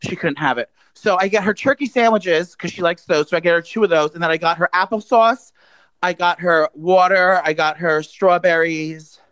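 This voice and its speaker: A woman's voice: lowish voice, moderate pace, fairly bright tone, dry recording, rough recording. A woman hosting a podcast from her apartment, chatting casually in a rambling way full of fillers and a bit out of breath. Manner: rambling, filler-heavy storytelling. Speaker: podcast host. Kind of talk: casual chat.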